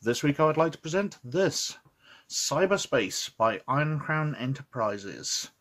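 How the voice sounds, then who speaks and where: A Scottish man with a head cold, sniffly, hosts a casual review of an old roleplaying game book, reading its text aloud with chatty asides and frequent "uh"s. His voice is on the high side, a bit bright, animated yet unhurried.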